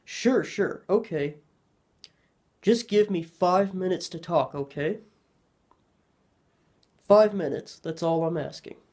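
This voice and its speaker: A man voicing a ten-year-old boy who speaks with the clear, precise, serious manner of an adult. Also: high-pitched, takes it slowly, long pauses, a little mellow. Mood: urgent.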